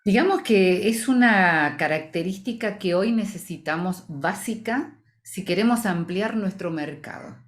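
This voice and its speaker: A voice-over professional from Argentina, who is also president of an association, gives articulate, explanatory interview answers in a Rioplatense Spanish accent. Her mid-range voice is unhurried, yet she hardly pauses at all.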